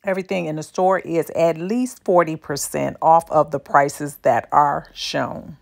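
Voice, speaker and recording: A woman's voice: low-pitched, a little slow, vocal fry, faint music behind. An older woman narrating a casual shop-with-me video in a furniture outlet store, chatty with folksy asides, recorded on a handheld phone. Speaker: shopping vlogger.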